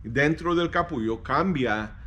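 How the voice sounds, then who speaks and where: A man, a pastor telling a devotional story, halting and repeating words and slipping into English phrases. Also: a little high, expressive, fairly bright tone, lo-fi sound.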